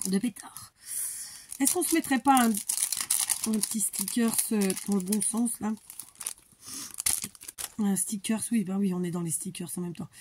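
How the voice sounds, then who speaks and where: A woman's voice: medium pitch, a bit bright, a little hiss or hum. A woman hosting a crafting tutorial, chatting casually and thinking aloud, muttering to herself as she works.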